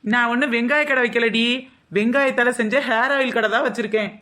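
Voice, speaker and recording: A woman's voice: on the high side, fairly even intonation, brisk, bright, forceful tone. A woman playing a scheming young village shopkeeper selling hair oil in a scripted comedy skit, with sly, wisecracking sales patter.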